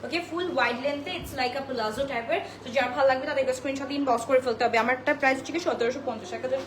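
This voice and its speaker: A woman with a high voice talks rapid-fire over crowd noise while selling dresses on a live stream for her online boutique. Speaking into a phone, she chats, greets viewers by name and mixes in English phrases, amid roomy echo and steady background noise.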